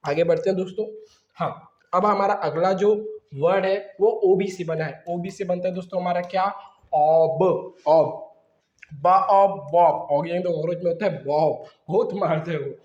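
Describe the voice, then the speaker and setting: A man's voice: high-pitched, big pitch swings. Coughing man drilling English phonics. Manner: slow syllable-by-syllable blending, addresses viewers as friends. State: coughing repeatedly. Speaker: English reading teacher. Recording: roomy, dull lo-fi sound.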